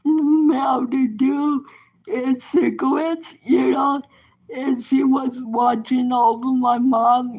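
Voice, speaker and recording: A woman with a high voice tells a personal story very slowly. She rambles, circles back and restarts her sentences, filling the gaps with "you know.". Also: darkish tone, highs cut off.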